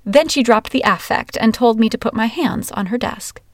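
A woman from Washington state narrating her own life story in a wry, candid, expressive way. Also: a little high, moderate pace, no room sound, clean studio sound. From Washington, USA. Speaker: memoir narrator. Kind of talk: first-person storytelling.

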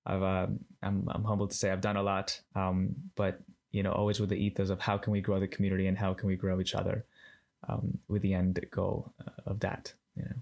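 Low, flat-voiced man from Ecuador. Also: fairly quick, vocal fry. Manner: hesitant, many fillers and restarts. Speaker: podcast guest. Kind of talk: casual interview chat.

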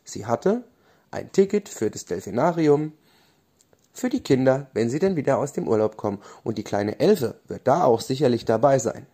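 Male bedtime storyteller, mellow tone, lively sing-song pitch. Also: moderate pace, husky.

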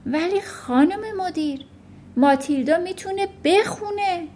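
A gentle young schoolteacher, polite and pleading, as a woman storyteller voices her. The voice is high and soft-spoken, close to the reader's own. It belongs to a children's storybook read aloud.

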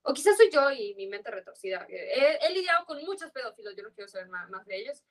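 Chatty young Yucatecan woman, high voice. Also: big pitch swings, fast. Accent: Yucatán Mexican Spanish. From Yucatán, Mexico. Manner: chatty and slangy, rambling with fillers. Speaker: podcast guest. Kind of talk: casual chat.

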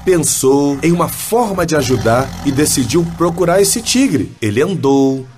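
A man reading a children's story aloud in a gentle, lively storytelling manner. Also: fairly high pitch, a little slow.

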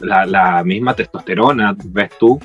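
Chilean-accented man, husky, campy mock-dramatic teasing, casual chat over faint music. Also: low-pitched, a little slow, a bit bright, highs cut off. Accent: Chilean Spanish.

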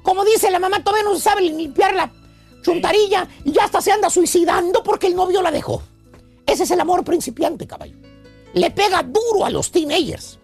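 A man doing a squeaky, gravelly old love professor. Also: expressive, brisk, soft background music, heavily acted. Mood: preachy. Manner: preachy, lecturing, theatrical. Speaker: comic radio host. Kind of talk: radio comedy sketch.

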